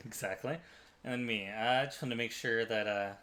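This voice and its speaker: A man's voice: medium pitch, fairly even intonation, brisk, a crowd in the background. A man from Texas hosting a casual podcast, laid-back and hesitant, with frequent fillers. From Texas, USA. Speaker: podcast host.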